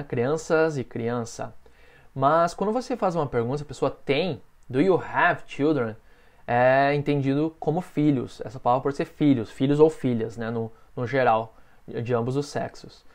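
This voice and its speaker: A man with a Brazilian Portuguese accent teaching a beginners' English lesson, patiently drilling phrases and saying each model sentence slowly. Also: medium pitch, darkish tone.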